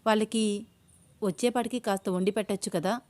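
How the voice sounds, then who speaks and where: A woman's voice: medium pitch, fairly even intonation, brisk, a little mellow, lightly acted. A woman voicing a kindly, easygoing middle-aged mother in a spoken storybook. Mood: cheerful.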